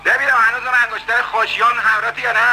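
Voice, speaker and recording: A blustering bully of a husband. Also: male voice, very high-pitched, level tone, sharp tone, faint music behind, heavily acted, poor audio. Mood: mocking. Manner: blustering, mocking, threatening. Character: swaggering bullying middle-aged male café loafer. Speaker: dub actor. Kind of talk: dubbed film acting.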